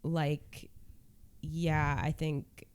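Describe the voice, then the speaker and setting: A woman's voice: low voice, level tone, extremely slow, a little mellow, smooth. A woman in her thirties, a podcast co-host in casual chat, talking loosely with many fillers and trailing thoughts. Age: 30s.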